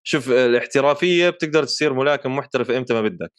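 A man's voice: medium pitch, rapid-fire, smooth, no echo, studio quality. A man with a Levantine Arabic accent explaining things casually as a podcast co-host, dropping in English terms as he talks.

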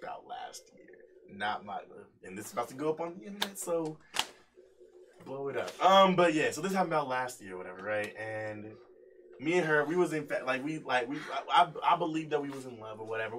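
A young man co-hosting a casual podcast, telling a slangy story with laughs and quoted voices. He sits back from the mic, so he sounds distant, with a faint noise underneath. His pitch is middling for a man. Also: animated, a little fast, a bit bright. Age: young adult. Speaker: podcast co-host. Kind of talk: casual storytelling among friends.

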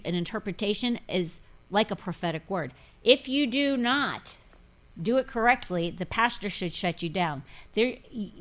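A woman in her fifties who grew up in Pentecostal churches hosts a casual faith podcast as a pastor. Her voice is mid-range and a bit bright, and she talks in a forthright, emphatic, preachy way.

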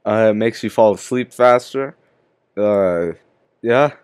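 A man's voice: fairly low pitch, slow, a little mellow, clear, resonant tone, no room sound. A young man in casual podcast chat, joking in slang and arguing his points. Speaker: podcast co-host.

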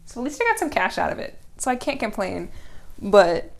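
Relaxed young woman telling stories. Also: mid-range voice, normal speed, gravelly. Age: young adult. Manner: relaxed, laughing storyteller with many fillers. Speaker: podcast co-host. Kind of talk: casual chat.

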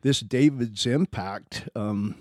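A man in casual conversation, speaking hesitantly with many pauses and fillers. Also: mid-range voice, darkish tone, no room sound, clean studio sound.

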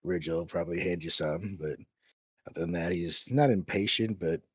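Deep, husky-voiced man as a game player. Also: normal speed, no room sound. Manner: rambling, laughing easily. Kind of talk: tabletop game table talk. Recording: dull lo-fi mic.

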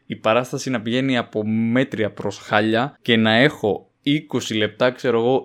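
Casting: young male comedian, podcast monologue, mid-pitched, jokey, animated, with sudden high jumps in pitch. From Greece. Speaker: podcast host, stand-up comedian.

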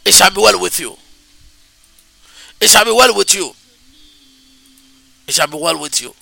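Fiery preacher, high gravelly voice. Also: male voice, unhurried, no room sound, soft background music. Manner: chanting repetitive declarations, rising to shouts. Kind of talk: fervent prayer with speaking in tongues.

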